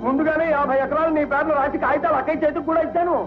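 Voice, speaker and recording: An actor playing a pushy, scheming uncle who pleads excitably. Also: male voice, very high voice, very fast. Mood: excitable. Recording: phone-like old film soundtrack with music.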